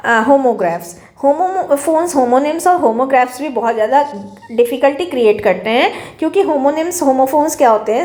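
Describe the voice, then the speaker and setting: An Indian woman teaching a class, her voice pitched high. She works through each point slowly in Hindi threaded with English terms, taking the English phrases especially carefully. The sound has a noticeable echo from the room. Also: a little mellow. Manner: explains in Hindi mixed with English terms, slow deliberate English phrases. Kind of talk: classroom lecture. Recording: echoey room.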